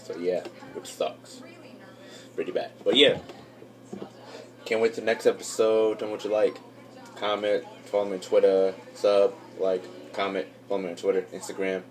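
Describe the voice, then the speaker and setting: A young man with a low, mellow voice talks through a TV episode recap in a loose, meandering way. He keeps circling back and piling on fillers, and his delivery stays flat and even throughout. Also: normal speed. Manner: rambling, filler-heavy, loses track. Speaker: YouTube reviewer.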